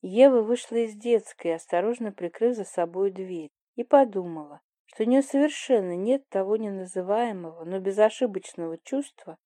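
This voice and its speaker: Mellow-voiced woman reading an audiobook. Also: mid-range voice, moderate pace, few pauses, no room sound. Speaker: audiobook reader. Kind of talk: audiobook narration.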